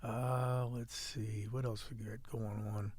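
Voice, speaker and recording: A man's voice: mid-range voice, level tone, takes it slowly, darkish tone, no room sound. Chatty Midwestern man hosting a podcast. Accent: Midwestern American. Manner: joking, chatty, rambling with restarts. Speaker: podcast host and city editor. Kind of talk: casual podcast chat and news rundown.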